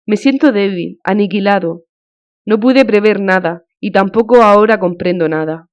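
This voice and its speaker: A woman reading an audiobook, voicing a grieving, humiliated middle-aged official in a weary, halting, thin voice, on a dull lo-fi recording. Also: mid-range voice, lightly acted. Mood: despairing. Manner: weary, broken, halting complaint.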